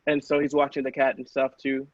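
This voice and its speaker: A man chats casually on a podcast as a cast member, rambling and filling his speech with "like." His medium-pitched voice is monotone and a little fast. The dry recording sounds slightly muffled and lo-fi.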